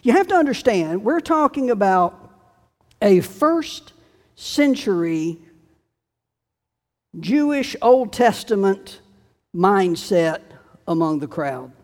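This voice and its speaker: A male pastor delivers a sermon at an unhurried, measured pace. His voice rings with the long reverb of a large church sanctuary. He tells the story deliberately, pausing between phrases. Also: high voice, sing-song. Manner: storytelling, slow and deliberate with dramatic quoted shouts.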